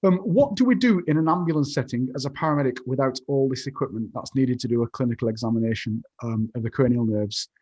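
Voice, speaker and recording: Excitable host rambling through webinar announcements, muffled lo-fi sound. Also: male voice, medium pitch, quick pace, hardly any pauses, slightly rough. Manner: enthusiastic, rambling with restarts. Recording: dull lo-fi audio.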